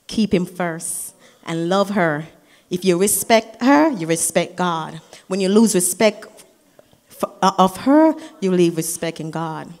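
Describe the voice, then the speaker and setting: A woman giving a wedding toast as the groom's sister, preaching and building to shouted declarations in a reception hall. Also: lowish voice, lively intonation, slow pace.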